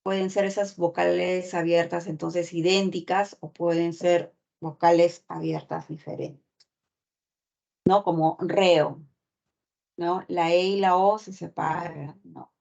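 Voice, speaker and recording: Woman teacher lecturing, slow and patient, dull lo-fi sound, keeps asking "right?". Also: fairly low pitch, fairly even intonation, gravelly, a little mellow. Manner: explains step by step, checks with constant "¿no?". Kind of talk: online class lecture. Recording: dull lo-fi recording.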